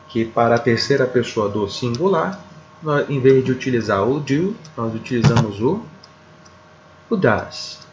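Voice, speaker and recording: A Brazilian man teaches a video grammar lesson at an unhurried, careful pace, repeating himself and pausing to check that students follow. His voice sits at an ordinary middle pitch. The recording is slightly dull, with faint noise behind him. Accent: Brazilian Portuguese. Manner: slow, deliberate, repeats words, checks in with "tá?". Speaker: English teacher.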